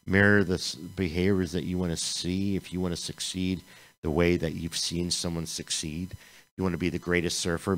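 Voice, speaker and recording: A man's voice: low voice, rough recording. A man giving an informal, earnest sermon at a spiritual community gathering, rambling and restarting his sentences. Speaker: speaker at a spiritual community service. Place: live-streamed community gathering.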